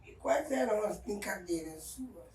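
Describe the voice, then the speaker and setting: A woman's voice: medium pitch, animated, a little slow. Woman interviewer asking brief questions. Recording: echoey room, distant mic, background noise.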